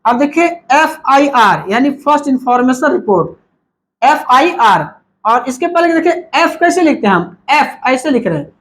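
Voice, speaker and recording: High-voiced man teaching grammar. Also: animated, moderate pace, a bit bright. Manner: repetitive, asks and answers his own questions; mixes Hindi with English terms. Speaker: English teacher. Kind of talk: whiteboard grammar lesson.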